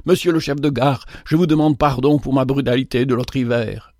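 A man reading a storybook, voicing a remorseful old gentleman traveler who pleads earnestly and insistently. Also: mid-range voice, steady tone, brisk, dry recording, close to an everyday voice. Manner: pleading, insistent, voice trembling with emotion.

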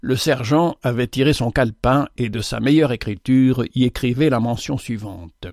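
A man's voice: medium pitch, darkish tone, no echo. Man narrating a story, dry sound. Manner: measured storytelling.

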